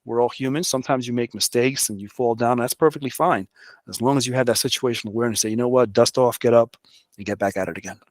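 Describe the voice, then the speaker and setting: A fast-talking, mid-pitched man from the Bronx, New York, appears as a public works director guesting on an interview, speaking candidly and conversationally and often adding "you know." The recording is dry and close, with no echo.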